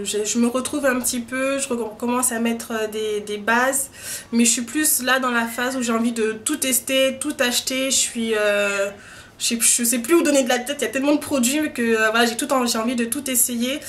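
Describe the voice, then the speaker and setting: A young woman chats to the camera in a relaxed vlog, her voice sitting a touch high. She hesitates often and fills pauses as she goes. A faint hiss runs under the recording. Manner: chatty, many hesitations and filler sounds. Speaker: beauty vlogger. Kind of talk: casual hair-care vlog.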